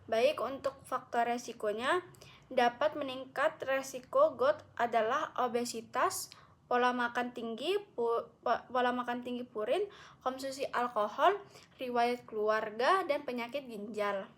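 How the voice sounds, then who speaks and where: A woman's voice: on the high side, unhurried, a bit bright. A young woman, a medical student, giving a recorded class presentation, reading carefully and correcting herself often. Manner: careful explanatory reading with frequent self-corrections.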